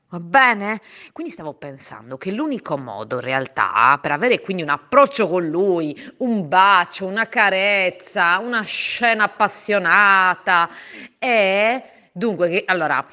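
A woman's voice: medium pitch, bright, forceful tone. A woman, a podcast co-host leaving a chatty, gushing voice message full of fillers. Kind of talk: casual voice-message monologue.

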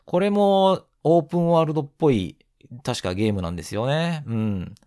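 A man of around forty with a nasal, stuffed-up voice from hay fever, hosting a casual solo gaming podcast in a polite, unhurried way. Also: a little high, expressive, mellow, no room sound, clean studio sound. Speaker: podcast host.

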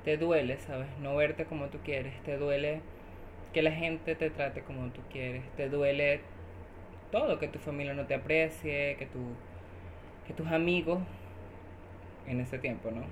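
A woman's voice: low-pitched, steady tone, unhurried, long pauses, slight background noise. Emphatic woman guest on a podcast. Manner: emphatic, agrees often with "exactly"; speaks in long lists of repeated phrases. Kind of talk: casual podcast conversation.

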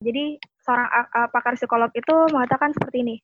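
High-voiced woman on dry muffled audio. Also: steady tone, fast, no echo. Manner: explains by citing an expert, polite apologies. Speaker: discussion panelist. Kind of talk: explanatory discussion.

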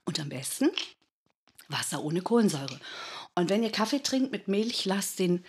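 A woman in her fifties giving lively, demonstrative advice as a speaking coach in a studio talk. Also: medium pitch, moderate pace, husky. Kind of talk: instructive advice in a talk show.

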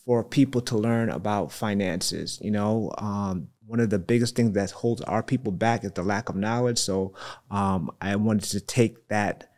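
A man's voice: fairly low pitch, unhurried, darkish tone. A man with a Brooklyn accent in casual podcast chat, slangy and conversational, often saying "you know". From Brooklyn, New York. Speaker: podcast guest, real estate entrepreneur.

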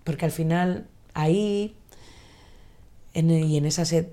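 A woman in her forties, talking haltingly and reflectively in an emotional personal conversation, recorded in her home kitchen. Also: sits low, mellow. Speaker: podcast guest.

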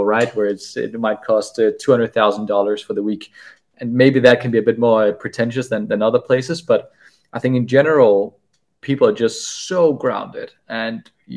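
A man speaking as a podcast guest, telling a story casually, often stumbling and repeating words as he goes. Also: lowish voice.

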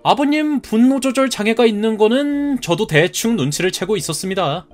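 A man's voice: high-pitched, lively intonation, fairly quick, soft background music. A man in his thirties voicing a polite but stubborn young groom-to-be who answers back in a cartoon story. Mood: defiant. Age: 30s. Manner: polite, defiant retorts.

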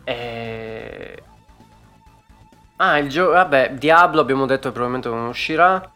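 A man's voice: medium pitch, sharp tone. A man hosting a live-streamed talk show, chatting casually and animatedly, swearing freely and using lots of fillers.

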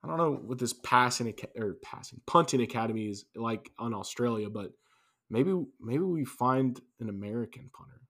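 A man's voice: medium pitch, animated, normal speed, a bit bright. A man co-hosting a casual sports podcast, talking loosely with restarts and wry asides. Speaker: podcast co-host.

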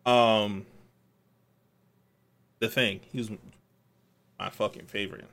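A man co-hosting a casual podcast, talking in a relaxed, drawn-out way with many pauses. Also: fairly low pitch. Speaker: podcast co-host. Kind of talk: casual chat.

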